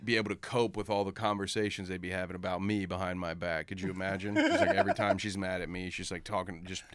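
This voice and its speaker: A man's voice: sits low, steady tone, fast talker, a bit bright, no room sound. A man co-hosting a podcast in casual chat, rambling and self-deprecating as he tells stories. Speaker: podcast co-host.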